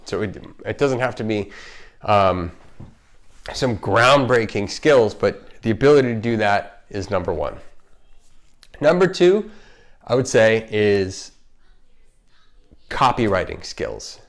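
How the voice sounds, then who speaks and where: A man with a slight lisp from wearing retainers, chatting casually and emphatically as he hosts an unscripted explainer vlog, often interrupting himself. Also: lowish voice. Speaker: video host, marketer. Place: home kitchen.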